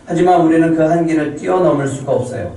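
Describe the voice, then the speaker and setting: A man's voice: a little high, quick pace, dark tone, a little hiss or hum. A male pastor giving a Sunday sermon, reading scripture aloud and putting questions to the congregation. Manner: asks the congregation questions and answers them. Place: church sanctuary. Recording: echoey church hall, mic from a distance.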